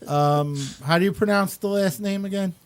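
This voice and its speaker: Speaking at a normal speed in a high-pitched, clear and resonant voice, a man hosts a live show online through a computer microphone on a video call. His talk is relaxed and full of fillers, and he laughs frequently.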